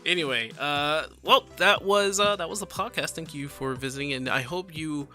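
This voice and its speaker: A man's voice: on the high side, normal speed, bright, forceful tone, faint music behind. A man hosting a casual gaming podcast, joking around and laughing often. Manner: jokey, laughs often between lines. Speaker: podcast host.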